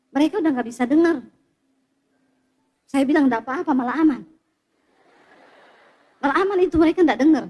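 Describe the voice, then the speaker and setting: A woman pastor preaching a sermon, telling stories and drawing in the congregation with questions. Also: sits high. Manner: lively storytelling with congregation prompts.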